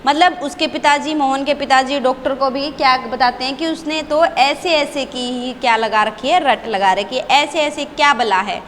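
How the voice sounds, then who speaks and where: A woman's voice: sits high, normal speed, few pauses, fairly bright tone. A woman teacher reading a one-act play to her class and explaining it in simple words. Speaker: Hindi teacher. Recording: long reverb, faint background noise.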